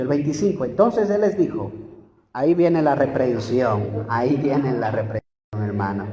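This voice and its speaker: A male pastor with an Ecuadorian Spanish accent preaching a sermon, putting questions to the congregation and swinging between loud peaks and quiet asides. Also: medium pitch. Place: church. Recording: roomy church echo, slightly dull and noisy.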